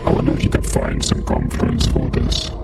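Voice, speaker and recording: A man using a voice changer for a disguised deep voice, playing an evil male demon who threatens humans on a livestream. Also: heavy background noise. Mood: casual. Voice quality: gravelly, slow, menacing. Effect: voice changer, disguised deep monster voice. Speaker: streamer. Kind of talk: livestream chat in character. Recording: loud music behind voice.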